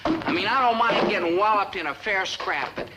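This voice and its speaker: A man's voice: sits high, expressive, moderate pace, heavy background noise. An actor playing an earnest, lovesick young man running for office in an old sitcom, wordy and flustered. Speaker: student candidate.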